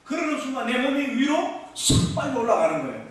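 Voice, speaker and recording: A male pastor giving a fervent revival-meeting testimony, shouting out exclamations. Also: very high-pitched, big pitch swings, brisk, noisy background. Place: church hall. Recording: echoey church hall, from far off.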